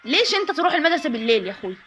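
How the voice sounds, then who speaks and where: Fast-talking high Egyptian woman gamer. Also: soft background music. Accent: Egyptian Arabic. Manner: excitable, jumpy, talks through her fright. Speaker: gaming channel host. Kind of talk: horror game let's-play commentary.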